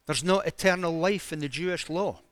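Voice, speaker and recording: A man delivers a sermon in a fairly high voice, telling the story with dramatic, emphatic rises. The sound is dry and close, with no room echo. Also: a little fast, a bit bright. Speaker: preacher.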